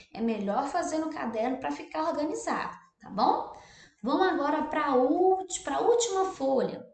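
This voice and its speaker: Lively Brazilian teacher in an echoey room. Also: female voice, high voice. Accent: Brazilian Portuguese. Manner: lively, drawn-out stressed syllables, frequent "tá bom?" checks. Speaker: primary school teacher. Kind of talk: explaining a textbook exercise to children.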